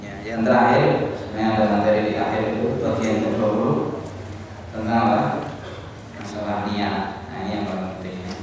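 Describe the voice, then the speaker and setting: Low-voiced male teacher in an echoing hall. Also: level tone, a little fast, pauses often, noisy background. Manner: asks the audience questions and answers them himself. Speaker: Islamic teacher. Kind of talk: religious study lecture. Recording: echoey hall from a distance.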